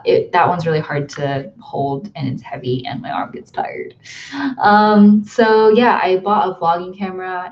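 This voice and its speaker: A young American woman chats casually to her viewers from her bedroom, drifting from thought to thought with plenty of ums and likes. Her voice sits a little low for a woman, and the audio comes through slightly dull and lo-fi. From United States. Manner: chatty, rambling, many ums and likes. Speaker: YouTuber hosting a livestream. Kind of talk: casual livestream chat. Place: bedroom at home.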